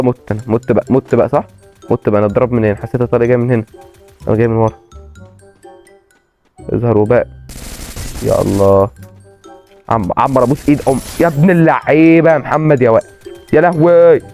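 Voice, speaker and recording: A man with an Egyptian accent commentating his own gameplay and repeating excited exclamations. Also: mid-range voice. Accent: Egyptian Arabic. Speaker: gaming channel host.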